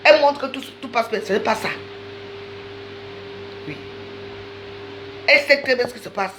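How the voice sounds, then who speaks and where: A woman's voice: on the high side, normal speed, music in the background, low-quality recording. A woman delivering a heated, accusatory live-stream rant, talking straight to her viewers and repeating phrases for emphasis. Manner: accusatory, insistent, addresses viewers directly.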